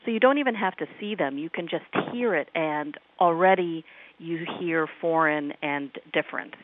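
Heard through a tinny phone connection, a woman professor with a Midwestern American accent from the United States appears as a guest on call-in radio. Her low voice moves at a moderate pace, and her answers are thoughtful and academic, peppered with ums.

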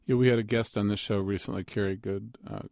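Give me a fast-talking radio host, a man with a gravelly low voice. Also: steady tone, a little mellow, no echo, studio quality. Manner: practiced radio host delivery, reading out phone numbers and introducing guests. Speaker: radio call-in show host. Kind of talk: live call-in radio talk.

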